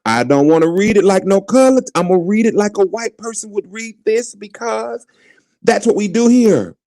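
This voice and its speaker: Animated mocking man on a live stream. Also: sits high, normal speed. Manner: animated and mocking, repeats phrases. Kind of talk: casual live-stream commentary.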